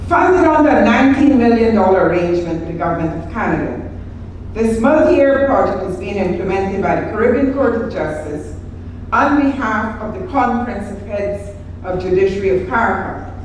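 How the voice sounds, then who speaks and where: A woman's voice: medium pitch, animated, normal speed, darkish tone, slight background noise. Guyanese woman giving a formal speech in an echoey hall. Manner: formal, courteous, reading protocol list. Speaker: project director. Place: hotel function room. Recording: echoey hall, distant mic.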